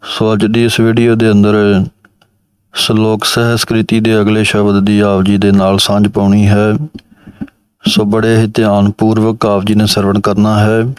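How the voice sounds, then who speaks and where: Slow, smooth-voiced man teaching recitation. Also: fairly low pitch, monotone, a little mellow, no echo. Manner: slow, measured, chants each line then explains. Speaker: Gurbani pronunciation teacher. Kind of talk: recitation lesson.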